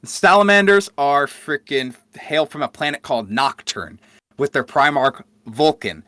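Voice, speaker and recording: Guy on a podcast rambling lore, bright forceful voice, dry close mic, lots of swearing. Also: mid-range voice, no echo. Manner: profane, enthusiastic storytelling. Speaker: podcast co-host. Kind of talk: casual lore chat.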